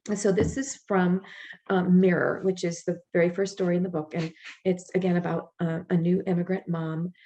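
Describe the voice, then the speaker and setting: A woman author from northeast Ohio with a Midwestern American accent speaks casually at an online library event, then reads from her stories, with some fillers and restarts. Her voice is fairly low and mellow, with little pitch movement, at normal speed.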